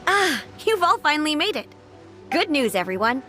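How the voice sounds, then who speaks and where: Polite peppy publisher lady for a game, high bright voice, real lively. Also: moderate pace, soft background music, heavily acted. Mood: pleased. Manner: businesslike, polite, enthusiastic. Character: brisk, courteous, upbeat female book publisher. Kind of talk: animated video game voice acting.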